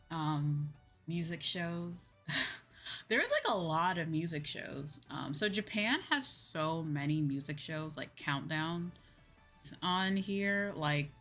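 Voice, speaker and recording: Here a young woman streaming as a VTuber has a lowish voice with a fairly bright tone. Her casual chat with viewers is hesitant and rambling, full of repeated phrases.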